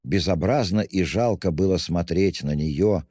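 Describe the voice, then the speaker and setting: A man reading an audiobook in a measured, even narration. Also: low voice, slightly rough, no room sound, studio quality.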